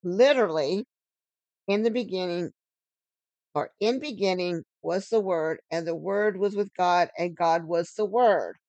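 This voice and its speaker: A woman giving an earnest teaching sermon on scripture, stressing key phrases and slowing down for emphasis. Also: on the low side, a little mellow, dry recording, highs cut off. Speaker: Bible teacher.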